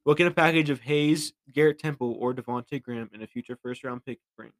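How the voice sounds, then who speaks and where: A man's voice: mid-range voice, fast, no room sound. A young man co-hosting a casual sports podcast, reading listener questions aloud and sometimes stumbling over the words. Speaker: podcast co-host.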